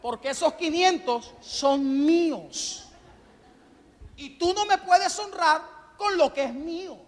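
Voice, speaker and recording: A man's voice: very high-pitched, slow pace. A man preaching a sermon to his congregation at a Sunday church service, fervently asking them questions and calling for amens. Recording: long church-hall reverb.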